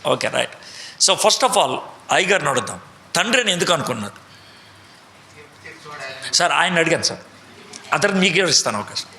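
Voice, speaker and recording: Man, preacher, bright tense voice, slightly high, interactive Bible teaching, quizzes listeners, echoey hall. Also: big pitch swings, moderate pace, gravelly, long pauses. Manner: quizzes the audience, mixes English in. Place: large meeting hall.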